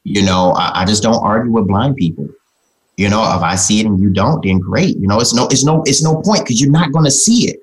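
Over poor audio, a lowish male voice with lively intonation talks slightly fast in a casual interview. He's a communication trainer and author who chats in a folksy way, often saying "man" and "you know."

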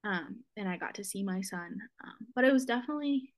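A young woman, a podcast guest, telling a personal story in a halting, emotional way, with many fillers and restarts, close to tears. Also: mid-range voice, expressive.

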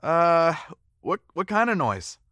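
An actor playing an eager, flustered young newlywed husband in an audio drama, often stammering. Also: male voice, on the high side, big pitch swings, takes it slowly, a bit bright, no echo, studio quality, heavily acted. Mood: nervous.

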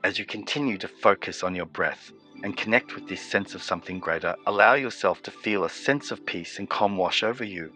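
A man guiding a meditation, giving slow, soothing, evenly paced instructions. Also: deep voice, sharp tone, faint music behind. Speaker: meditation guide. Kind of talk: guided meditation.

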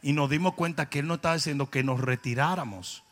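A man with a Dominican accent preaching a humorous sermon, telling stories with comic voices and building to loud, emphatic peaks. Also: on the high side, fast. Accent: Dominican Spanish. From Dominican Republic. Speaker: pastor.

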